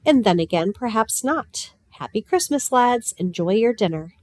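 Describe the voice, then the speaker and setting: A woman's voice: on the high side, animated, no room sound, lightly acted. A woman voicing a grave, expressionless old country farmer in a storybook reading. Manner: slow, grave, without expression.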